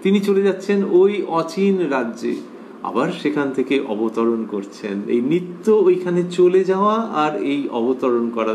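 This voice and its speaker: Male scripture lecturer, a bit high-pitched, measured devotional delivery, light background noise. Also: a little mellow. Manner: measured and reflective, repeating key phrases; pauses with drawn-out fillers.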